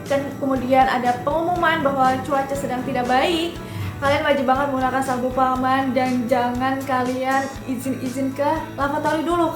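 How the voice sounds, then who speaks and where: A high-voiced woman chats informally to viewers as she explains procedures step by step. Her voice rings in a roomy space, with clear music behind it. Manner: informal, instructive, addressing viewers directly. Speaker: vlogger explaining cabin crew procedures. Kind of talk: casual explainer chat.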